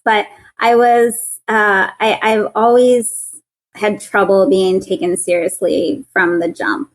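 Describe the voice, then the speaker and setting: Her voice has vocal fry and an ordinary middle pitch, and though she's in her thirties she sounds young. The audio is poor. Speaking as an interview guest, the patent attorney is earnest and conversational, frequently laughing and starting her phrases over.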